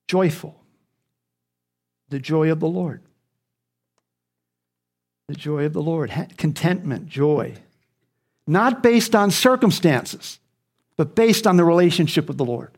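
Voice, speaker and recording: Guy giving a sermon, kinda high voice, earnest, says stuff twice for emphasis. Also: a little mellow. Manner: earnest, repeats key phrases for emphasis. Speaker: preacher.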